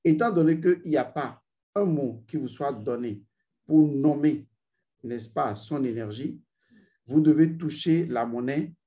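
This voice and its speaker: A man teaching a spiritual ritual, speaking slowly and intoning drawn-out vowel sounds for his students. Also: on the high side, mellow. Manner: addresses learners directly, repeats "vous voyez". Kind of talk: esoteric ritual instruction.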